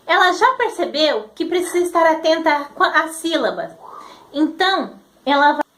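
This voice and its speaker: A woman teacher with a very high voice explains a lesson with patience. She stretches out words and sounds out their syllables slowly. The room around her adds a noticeable echo. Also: very animated, a bit bright. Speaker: literacy teacher. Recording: roomy echo.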